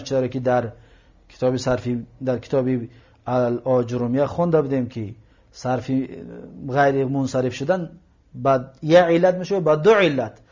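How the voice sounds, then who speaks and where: A man's voice: a little high, darkish tone. A man teaching a grammar lesson, going through a text word by word, translating and parsing it, and often repeating phrases as he explains. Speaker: Arabic teacher. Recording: lo-fi muffled recording.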